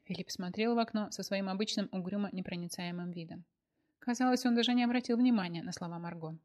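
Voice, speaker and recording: A woman reading an audiobook with a steady, even delivery. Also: medium pitch, fast talker, muffled recording. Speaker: narrator. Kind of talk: audiobook narration.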